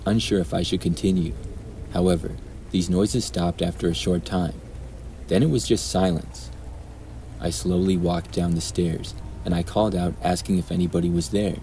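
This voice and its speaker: A man narrating true horror stories in a calm, even storytelling manner. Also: low voice, slight background noise, rough recording.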